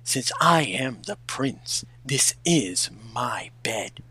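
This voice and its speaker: Brooding royal cartoon hedgehog, read by a man, amateur fanfic, curt and sharp-toned. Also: mid-range voice, very animated, slow pace, slightly rough, full character voice. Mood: stern. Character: brooding, curt, haughty male hedgehog prince. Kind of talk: amateur fan fiction reading.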